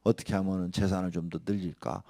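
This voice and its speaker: Impassioned preacher, loud then whispering. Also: male voice, low-pitched, little pitch movement, a little fast, vocal fry, dry recording, clean studio sound. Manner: swings between loud emphatic preaching and hushed whispers; rhetorical questions aimed at the listener. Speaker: pastor. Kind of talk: sermon.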